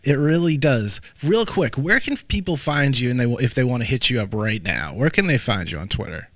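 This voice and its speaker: A man's voice: medium pitch, lively intonation, brisk, a bit bright, no echo. A man hosting a podcast interview, chatting loosely with lots of fillers and restarts. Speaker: podcast host.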